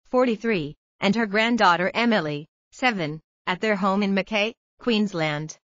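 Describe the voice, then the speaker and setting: A woman narrating a news story in an even, measured scripted read. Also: medium pitch, no echo, lo-fi sound.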